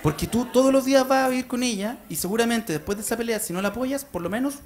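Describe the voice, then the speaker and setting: A man with a Chilean accent performing a stand-up comedy routine on a club stage into a handheld mic, rowdy, switching between confiding asides and shouting. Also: extremely high pitch, quick pace. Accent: Chilean Spanish. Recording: live show with loud crowd and noise.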